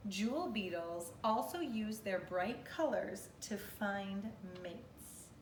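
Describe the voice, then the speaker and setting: Slowly and at medium pitch, a thirty-something kindergarten teacher reads to little ones in an instructive, expressive way, asking questions as she goes. A phone or camera across her living room picks her up from a few metres away, so the audio is roomy with a faint noise floor.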